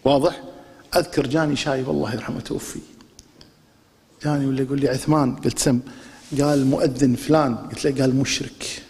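A man's voice: medium pitch, fairly even intonation, fast, long pauses, a little mellow. Kuwaiti man teaching in an echoing hall. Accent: Kuwaiti Arabic. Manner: poses rhetorical questions and drills answers with the class; demonstrates pronunciations by repeating them aloud. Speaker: religious teacher. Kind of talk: religious lesson. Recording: long reverb of a large hall.

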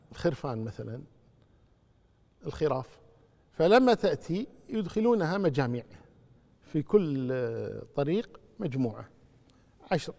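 A man gives a religious question-and-answer lesson, preaching with animation and rising to loud rebukes. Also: fairly high pitch, gravelly. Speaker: Islamic scholar answering questions. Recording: long hall reverb.

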